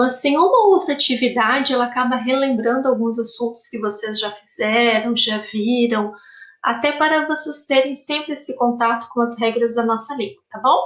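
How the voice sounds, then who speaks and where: A woman's voice: fairly high pitch, fairly bright tone. A woman teaching a recorded fifth-grade lesson, explaining patiently step by step and checking in with her pupils often. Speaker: primary school teacher. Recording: echoey room.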